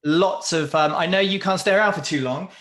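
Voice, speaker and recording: Chatty host in an echoey room. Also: male voice, sits high, brisk, crowd noise. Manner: chatty, upbeat, loose with fillers. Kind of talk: hosting an online Q&A.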